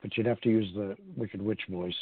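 A man's voice: on the low side, steady tone, normal speed, no echo. A man with a New York accent, co-hosting a talk show and making wry, sarcastic asides. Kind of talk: casual talk show banter. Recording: dry, phone-like sound.

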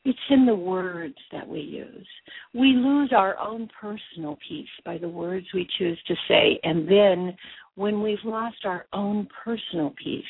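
A woman leads a guided breathwork meditation like a spiritual healer, in a breathy, soothing delivery with deliberate pauses. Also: medium pitch. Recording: muffled phone-like sound in an echoey room.

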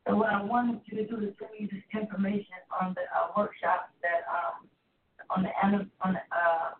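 A woman's voice: medium pitch, level tone, fairly quick, echoey room. Muffled woman caller, as if through a wall. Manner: rambling, restarts mid-sentence. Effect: muffled and distant, as if heard through a wall, from a speakerphone. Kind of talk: call-in chat. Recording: tinny phone line, far from the mic.

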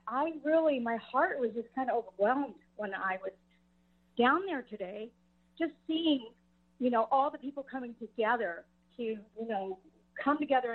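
An older woman, a grandmother, calling in to a radio talk show over the phone, talking earnestly and rambling with frequent restarts. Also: fairly high pitch. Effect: heard over the phone. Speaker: caller. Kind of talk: call-in radio chat. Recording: tinny phone line.

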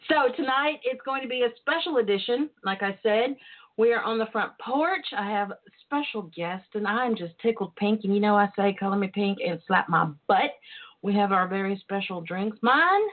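A woman's voice: medium pitch, normal speed. A woman hosting a casual internet radio show with a campy, sassy, bawdy and chatty manner. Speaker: host. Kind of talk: casual solo radio chat. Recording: tinny phone line sound.

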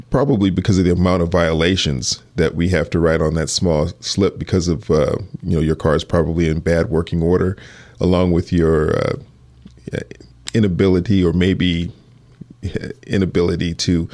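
A man speaking as a police detective in an interview, answering earnestly and hesitantly, with halting restarts. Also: low voice, flat delivery, darkish tone.

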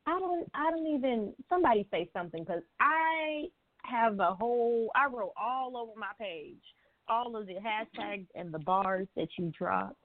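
Woman hosting a call-in show, super animated, thin phone sound. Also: on the high side, normal speed, no echo. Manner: excited, playful hyping. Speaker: co-host of a call-in talk show. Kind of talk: casual chat. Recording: tinny phone-like line with faint noise.

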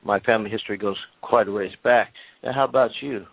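A man hosting a radio show asks his questions in long, meandering, hesitant turns. His voice is on the low side. The sound is dry and thin, like a phone line. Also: steady tone, fast talker, gravelly, husky, no room sound. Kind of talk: radio interview.

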